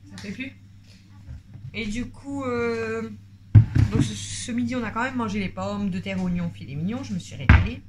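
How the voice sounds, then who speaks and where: A woman chatting on in a casual home vlog, rambling, talkative and excitable. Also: on the high side, moderate pace, very noisy. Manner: rambling and talkative, jumps between topics; excitable, voice jumps up when worked up. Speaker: family vlogger.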